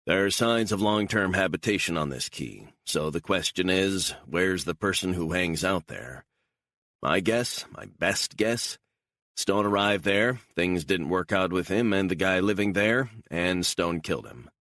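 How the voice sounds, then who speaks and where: A man voicing a gruff intelligence officer who speaks bluntly and matter-of-factly. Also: sits low, a little slow, fairly bright tone, no room sound, clean studio sound.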